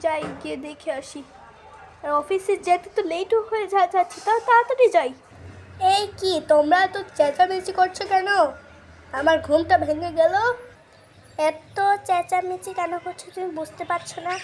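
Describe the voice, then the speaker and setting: A girl voicing a tired, easygoing father in a doll-play skit, speaking calmly to smooth things over. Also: extremely high pitch, moderate pace, slight background noise. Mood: grumbling.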